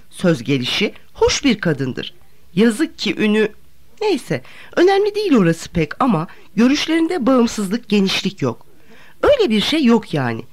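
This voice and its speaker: A woman's voice: fairly high pitch, pitched above the performer's own voice. A woman reading aloud, voicing a fussy, talkative young hostess who fancies herself progressive. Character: chattering vain young woman hostess, self-styled progressive. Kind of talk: audiobook character reading.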